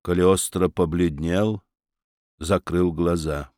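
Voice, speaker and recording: A man narrating an audiobook in an expressive storytelling manner. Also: sits low, takes it slowly, dry recording, clean studio sound.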